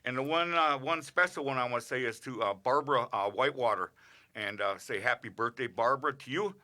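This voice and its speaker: A middle-aged man on a radio show, rambling casually through birthday shout-outs with lots of filler sounds. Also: mid-range voice, a little fast. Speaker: regular radio segment host. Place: radio studio.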